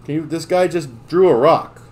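A man's voice: on the high side, normal speed, darkish tone. Bemused man fumbling through names. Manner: playfully confused, stumbling over names. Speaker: card pack opener on live stream. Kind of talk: casual chat.

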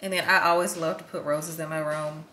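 A woman's voice: deep voice, steady tone, brisk, sharp tone, slight background noise. A young woman chatting casually to her viewers in a home vlog, full of "like" and "um", upbeat and friendly. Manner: chatty, filler-heavy, enthusiastic. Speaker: vlogger. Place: home kitchen.

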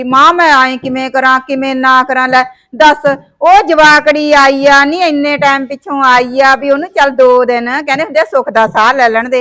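An actress playing a nagging, sharp-tongued middle-aged mother-in-law in a homemade family drama. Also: sits high. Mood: grumbling. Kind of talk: amateur family drama acting.

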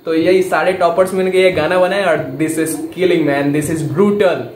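A man hosting a music reaction channel, explaining song lyrics in casual commentary, hyped up and switching between Hindi and English in quick bursts. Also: high-pitched, fairly even intonation, reverberant, slight background noise.

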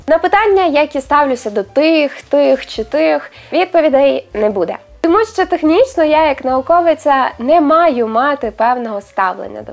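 A young woman with a Western Ukrainian accent, a linguist answering viewer questions in a chatty, self-ironic vlog. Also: high-pitched. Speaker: linguist vlogger. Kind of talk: casual vlog Q&A.

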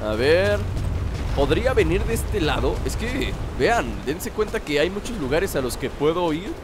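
A man doing joking, chatty let's-play commentary with sudden excited yelps. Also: fairly high pitch, moderate pace, background noise. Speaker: gameplay commentator.

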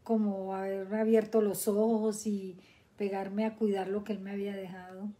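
Middle-aged mother, mellow dark tone, plain reminiscing. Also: medium pitch, little pitch movement, moderate pace. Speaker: guest, host's mother. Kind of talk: casual conversation.

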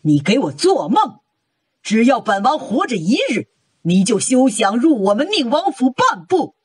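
An enraged, domineering prince declares his refusal with force, played by a male voice actor. The voice is husky and sits high for a man. A storybook character. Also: sing-song, unhurried, exaggerated voice.

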